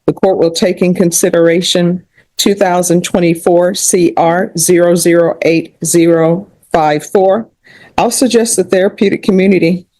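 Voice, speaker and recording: A woman judge speaking firmly and deliberately at a courtroom sentencing. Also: lowish voice, steady tone, mellow, no room sound, rough recording. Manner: firm, measured, questioning.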